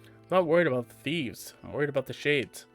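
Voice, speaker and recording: With soft music in the background, a man reads a story and plays a headstrong, spirited little girl, making her blunt, sassy, and exasperated. His voice is mid-range and fairly quick, with lively intonation and light acting.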